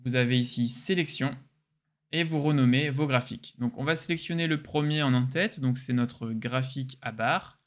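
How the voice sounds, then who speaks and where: A young man with a French accent hosting a casual, enthusiastic software tutorial. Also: mid-range voice, moderate pace. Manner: casual, joking, enthusiastic explainer. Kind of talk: screen-recorded software tutorial.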